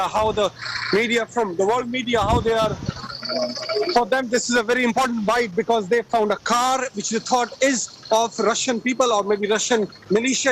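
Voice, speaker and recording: A man's voice: very high-pitched, fairly bright tone. A man reporting live on the street, filming with his phone and urgently directing viewers to look at the scene through a phone video feed. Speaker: field reporter. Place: outdoor street among a crowd and police. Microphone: phone held while filming. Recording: noisy street audio over a phone feed.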